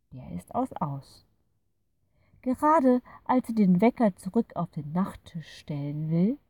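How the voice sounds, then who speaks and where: Calm female storyteller for a children's story; unhurried, soft, slightly off-mic and dry. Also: lowish voice, breathy edge, no echo, recorded from a distance. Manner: calm, soft, at times half-whispered. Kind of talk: children's bedtime story narration.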